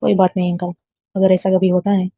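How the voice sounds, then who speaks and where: A woman's voice: on the low side, little pitch movement, brisk, mellow, husky, no echo. Woman doing a polite young friend. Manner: polite, reassuring. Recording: dull lo-fi dry recording.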